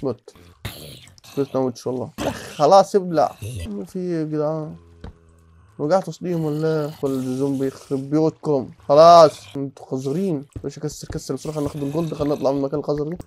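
A young man with an Egyptian Arabic accent, giving casual, excitable commentary while playing Minecraft, muttering to himself and now and then breaking into alarmed shouts. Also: on the high side, rapid-fire. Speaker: gaming channel host.

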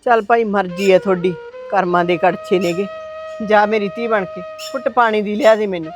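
A frail old mother-in-law, played by a woman, sighing and pleading as she complains of neglect. Her voice sits at an ordinary middle pitch. Faint music plays under her in this short film. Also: steady tone, brisk, close to an everyday voice. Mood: plaintive. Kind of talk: amateur short film acting.

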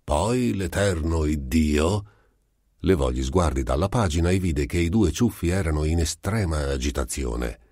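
A man with a very deep voice reads a literary story in a measured, unhurried way. The recording is dry and close, with no room sound. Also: animated, dark tone, slightly rough, dry recording. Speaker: audiobook narrator. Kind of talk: literary audiobook reading.

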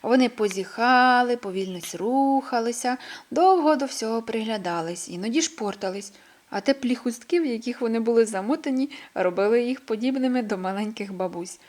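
A woman reading a children's story aloud in a gentle, expressive way. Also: fairly high pitch, fairly quick.

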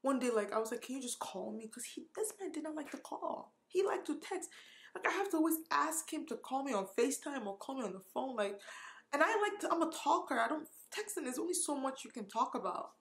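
A woman's voice: high voice, animated, fairly quick. Tearful young woman telling a story. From Nigeria. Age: 20s. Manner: candid, emotional, heavy use of "like" and cursing. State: tearful, close to crying. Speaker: vlogger. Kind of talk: storytime vlog.

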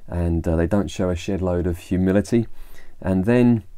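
A man's voice: low voice, moderate pace, warm tone, no echo. An English man giving an informal devotional talk, retelling a Bible story in a conversational way with fillers and restarts. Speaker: church leader.

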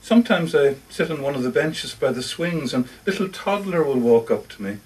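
Reading in a bookshop, a man voices a lonely, awkward older lodger in a first-person short story monologue, hesitant, defensive and confiding, with a rejected, wistful mood and frequent self-corrections. His voice is fairly high, animated and a little mellow at normal speed, lightly acted. The mic is distant and the recording is rough.

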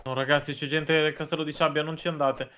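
A man with a notably high voice, narrating his own play in casual gaming chat. His commentary is playful and jokey, often addressing his friends directly. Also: flat delivery, fast, sharp tone. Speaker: streamer.

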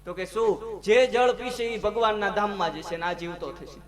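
A man, giving a devotional sermon and telling a story, acting out its dialogue in a folksy, emphatic way. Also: sits high. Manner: folksy, narrates with quoted dialogue, slow emphatic lines. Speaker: katha storyteller. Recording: live gathering with audience audible behind.

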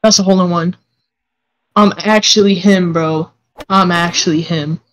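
A man's voice: high voice, fairly even intonation, moderate pace, a bit bright, rough recording. A young man teasing and boasting in casual gaming chat over voice chat. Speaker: gaming friend.

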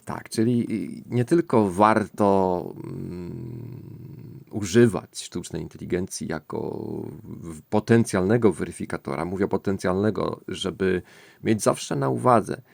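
Male lesson host, low gravelly voice, dry close sound, musing and unhurried in his explaining. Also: darkish tone, no room sound. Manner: thoughtful, musing, pauses to search for words. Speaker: language-learning channel host. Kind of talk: explanatory screen-recording lesson.

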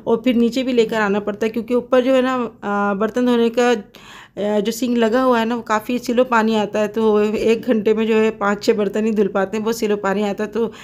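A woman's voice: fairly high pitch, level tone, moderate pace, a little mellow. A middle-aged woman from Pakistan talking casually to her viewers in a home kitchen while cooking, chatty and devout, with many fillers. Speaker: cooking vlogger.

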